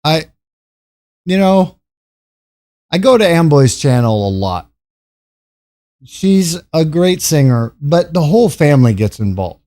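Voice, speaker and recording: A man's voice: on the high side, big pitch swings, takes it slowly, long pauses, mellow. An older man chatting casually with viewers on a gaming livestream, joking and breaking into laughing fits between lines. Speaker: gaming streamer.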